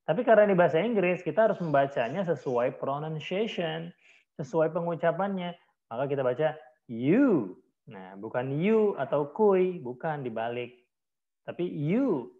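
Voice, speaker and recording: A man with an Indonesian accent teaching an English lesson in an online class, speaking English phrases slowly and deliberately and clearing his throat often. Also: fairly high pitch, lively intonation, a little mellow, dull audio.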